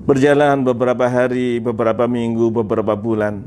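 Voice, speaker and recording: A preacher from Indonesia telling a moving story in an emotional sermon, repeating phrases with feeling. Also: male voice, medium pitch, level tone, a little fast, a little mellow, a little hiss or hum. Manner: repetitive, emotive narration with religious phrases.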